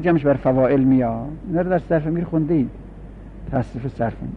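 A man teaching a grammar class, explaining slowly and repeating each form for his students. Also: on the high side. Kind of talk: classroom lecture. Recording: dull lo-fi recording with faint hum.

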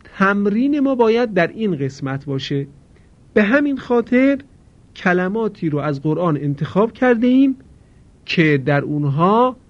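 Male tajweed teacher with a fairly high voice, slow careful delivery, dull lo-fi sound. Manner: slow, deliberate, drawn-out demonstrations of words. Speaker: Quran recitation teacher. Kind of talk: tajweed lesson. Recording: dull lo-fi recording.

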